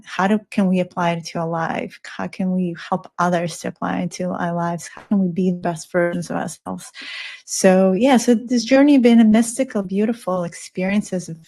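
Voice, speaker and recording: Middle-aged woman guest from the Soviet Union, raised in Israel; earnest, flowing, reflective delivery, low-leaning pitch. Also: dark tone. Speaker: guest, spiritual teacher. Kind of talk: casual interview talk.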